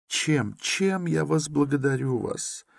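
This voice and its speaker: A man reading an audiobook who voices an anxious, tearful elderly mother in a high, quavering, pleading voice. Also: lively intonation, slow, creaky, dry recording, clean studio sound, heavily acted. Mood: fearful.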